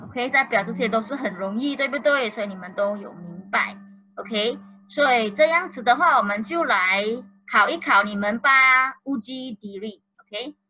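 A woman's voice: on the high side, pushed and bright, lo-fi sound, a little hiss or hum. A woman teaching an online primary school class in Malaysian Mandarin, mixing in Malay and English words and coaxing the pupils along. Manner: encouraging, coaxing. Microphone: video call.

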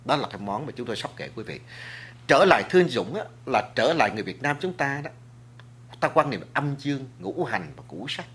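A man talks as a talk-show guest, his pitch rising and falling with lively swings as he lectures. He speaks earnestly and addresses the audience directly. He often restarts his sentences around filler words. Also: fairly quick, breathy edge. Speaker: guest speaker on food and culture. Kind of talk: studio talk show discussion.

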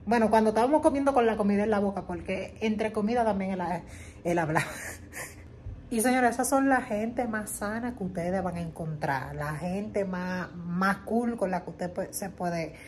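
A woman's voice: medium pitch, moderate pace, darkish tone, a little hiss or hum. A woman travel vlogger telling a story casually to the camera, emphatic and repeating words for effect, laughing often.

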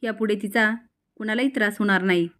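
A woman voicing a grave father who speaks calmly and slowly. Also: mid-range voice, natural voice. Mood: earnest grave. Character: grave father taking his daughter away.

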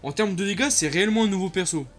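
A young man, giving casual commentary over his own gameplay and reacting loudly to what happens on screen. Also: high-pitched, rapid-fire. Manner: excitable, slangy, reacts loudly to the game. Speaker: gaming YouTuber. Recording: faint music behind.

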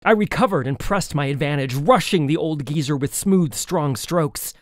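Male audiobook narrator, fairly high and very animated, dry studio sound. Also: normal speed, no echo. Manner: expressive, lively storytelling. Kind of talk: first-person audiobook narration.

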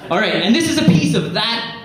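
A man in his thirties giving an informal, jokey, halting, self-deprecating stage talk as a science presenter. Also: very high-pitched, very animated. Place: theatre stage before an audience. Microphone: handheld microphone. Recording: echoey theatre PA with audience noise.

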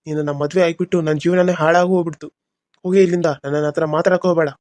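A man's voice: a little high, level tone, rapid-fire, a little mellow, no echo, close to an everyday voice. A man voicing a moody young husband in a cartoon serial, brooding and harsh by turns. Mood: angry. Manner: brooding, harsh, then pleading. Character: young husband, moody, torn between two women.

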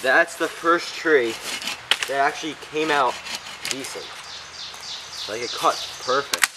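A young bushcraft vlogger narrates plainly and matter-of-factly while working outdoors in a forest. His medium-pitched voice moves at a slow pace, picked up by a camera mic on a tripod or handheld, and the audio is very noisy.

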